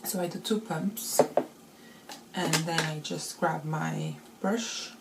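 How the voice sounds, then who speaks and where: A woman's voice: deep voice, fairly even intonation, slow, creaky, very noisy. Woman vlogger with a rusty morning voice. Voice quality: slightly rusty, unused morning voice. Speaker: beauty vlogger. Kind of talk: casual chatty makeup tutorial.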